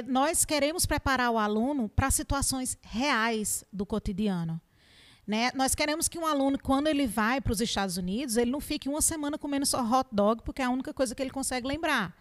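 A woman with a Northeastern Brazilian accent and a slightly high voice, explaining things like a teacher. She talks animatedly, leans on rhetorical questions and everyday examples. Her tone stays conversational and plain. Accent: Northeastern Brazilian Portuguese. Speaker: English school teacher. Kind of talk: explanatory interview answers.

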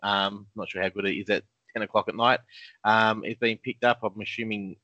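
A man's voice: lowish voice, steady tone, fairly quick, pushed and bright, dry recording. Laid-back man, lo-fi podcast audio. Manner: laid-back, jokey, lots of ums. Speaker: podcast co-host. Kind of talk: casual fantasy football chat. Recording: dull lo-fi sound.

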